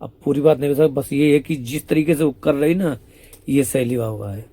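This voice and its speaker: A man's voice: mid-range voice, normal speed, warm tone, no room sound. A man conversationally retelling a devotional story as a spiritual storyteller.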